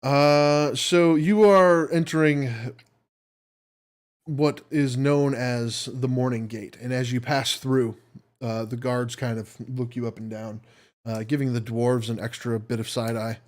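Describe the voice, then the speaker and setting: Man, game master, descriptive tabletop narration, mid-pitched. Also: little pitch movement. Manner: descriptive, unhurried scene-setting.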